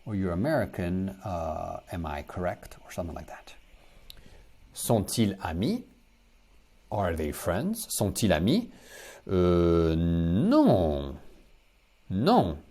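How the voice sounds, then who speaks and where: A man teaching a beginner lesson, saying each phrase slowly, repeating it and giving the for it. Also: sits low, huge pitch swings, dark tone. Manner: slow, repeats phrases and translates to English. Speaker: French teacher. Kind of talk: language lesson.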